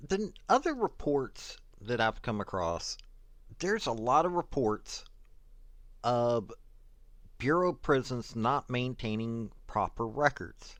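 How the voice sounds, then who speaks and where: A man's voice: mid-range voice, animated, takes it slowly, a bit bright, no room sound. A man giving blunt, opinionated commentary, reading parts of official reports aloud and adding casual, sarcastic asides. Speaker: commentator on prison investigations.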